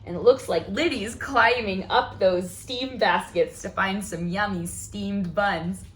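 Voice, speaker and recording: The recording is rough, with a little hiss or hum, as a woman in a mid-range voice reads slowly. She's hosting children's library storytime, giving a picture book an expressive reading with questions and exclamations of wonder.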